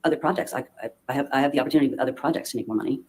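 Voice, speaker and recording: Male witness in court, mellow tone, hesitant and halting delivery. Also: medium pitch. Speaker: witness testifying. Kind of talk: courtroom testimony.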